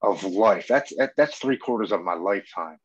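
Male guest, forties, lowish voice, earnest and reflective, heartfelt storytelling. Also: animated, normal speed, husky, highs cut off. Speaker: podcast guest in recovery.

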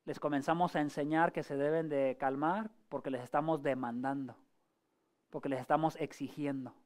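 A male pastor giving a sermon in a conversational way, asking the congregation rhetorical questions and often pausing or restarting his phrases. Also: a little high, steady tone, darkish tone. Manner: frequent hesitations and restarts.

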